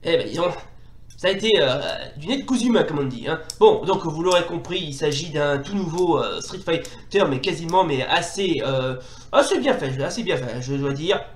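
A man giving live commentary on a retro fighting game, hesitant and full of fillers, bursting into excited exclamations during the fights. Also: a little high, moderate pace. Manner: hesitant, many fillers and restarts. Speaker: retro gaming video host. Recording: roomy echo.

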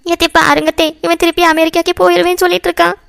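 A woman voices a fretful cartoon mother, high-pitched and quick. She frets and pleads over her son's marriage, always pressing. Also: level tone, gravelly, fairly bright tone, no echo, studio quality, heavily acted. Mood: pleading. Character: middle-aged mother, anxious and emotional.

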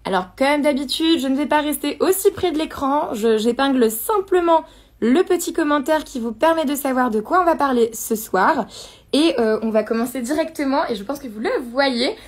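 A high-pitched woman hosts a relaxed live stream. She chats easily, giggles often and reads viewer comments out loud as she goes. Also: normal speed. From France. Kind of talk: casual live unboxing chat.

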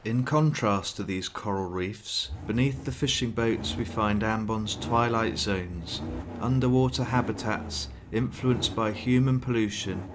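Low-voiced man narrating a nature documentary. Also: slight background noise.

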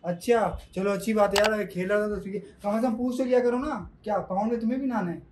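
A man's voice: high-pitched, quick pace, noisy background. A man co-hosting a pet vlog, chatting casually and agreeing along with his friend. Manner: agreeable, echoes the host. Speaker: co-host friend.

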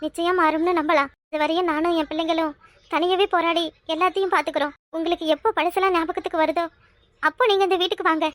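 A sorrowful cartoon mother, played by a woman speaks. Her voice is very high and quick, and it sits dry and close to the mic. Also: steady tone, a bit bright, dry recording. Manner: tearful, earnest pleading. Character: loyal wife and mother, sorrowful but firm. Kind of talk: cartoon voice acting.

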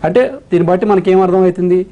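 A man's voice: sits high, completely flat delivery, racing, phone-quality sound. A man with a Telugu accent, a revenue employees' leader on a TV debate, arguing emphatically and repeating his key points.

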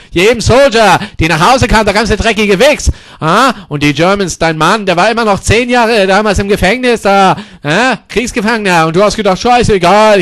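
A man performing a crude comedy sketch, hurling insults and mixing English words into his talk, with catchphrases stretched into drawn-out yells. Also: high-pitched. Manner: repeats catchphrases in a drawn-out yell.

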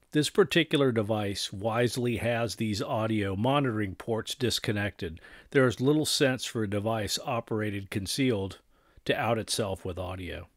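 In studio-quality audio free of room sound, a fairly low-pitched, middle-aged man narrates a technical script about radio equipment. His wording is careful, formal and exact.

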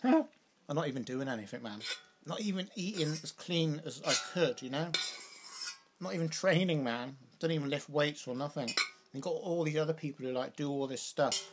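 Over a noisy background, a young British man vlogs during a meal in a slightly high voice at normal speed. The chat is rambling and casual, full of "like" and "you know."

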